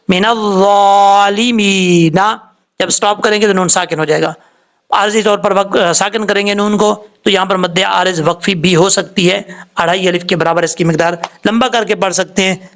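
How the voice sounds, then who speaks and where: A man teaching a tajweed lesson, spelling out letters and vowel marks before he draws the recited words out slowly. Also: sits high, fairly bright tone. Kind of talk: slow step-by-step tajweed lesson.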